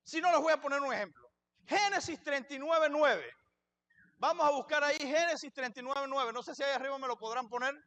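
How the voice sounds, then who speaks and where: High-voiced man preaching a sermon. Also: brisk, pushed and bright. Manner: preaching, asks the congregation questions and answers them. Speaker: pastor. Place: church.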